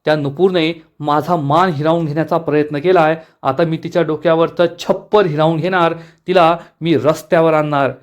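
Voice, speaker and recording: A man's voice: fairly high pitch, steady tone, brisk, few pauses, close to an everyday voice. A man voicing an arrogant, ruthless young woman executive in a serial recap, speaking in a scornful, commanding way. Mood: scheming.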